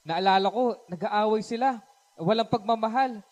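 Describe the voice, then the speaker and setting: A man preaching a Taglish sermon at a live-streamed church service, lively and acting out family quarrels while often asking the crowd for agreement. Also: high-pitched, normal speed.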